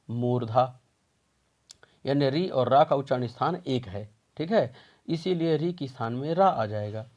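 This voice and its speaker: A man's voice: medium pitch, darkish tone. Patient man teaching grammar, dull audio. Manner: patient, repeats questions and answers them himself. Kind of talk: explaining a grammar lesson step by step.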